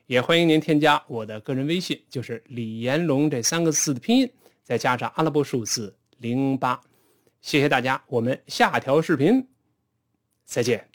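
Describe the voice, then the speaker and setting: A man teaching spoken English, patiently explaining pronunciation and modelling phrases slowly. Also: mid-range voice, lively intonation.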